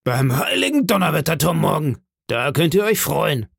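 A man playing a jovial one-legged pirate innkeeper in a storybook, hearty and blustering, raised higher than a plain voice. The delivery is slow and gravelly, with a lively swing in pitch. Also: no echo, studio quality. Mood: stern. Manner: hearty, booming, feigned indignation.

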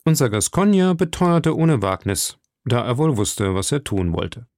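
A male audiobook narrator reads in a steady, formal way, his voice carrying a gravelly grain at mid pitch. The sound is dry and close to the mic, with no room echo. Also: unhurried. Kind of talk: scripted narration of a classic novel.

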